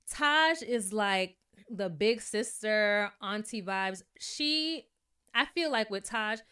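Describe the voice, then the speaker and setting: A woman's voice: mid-range voice, fairly bright tone, clean tone. Chatty New York woman reviewing TV. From New York City. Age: 30s. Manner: chatty, candid, laughs easily. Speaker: YouTube TV show reviewer. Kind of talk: casual review chat.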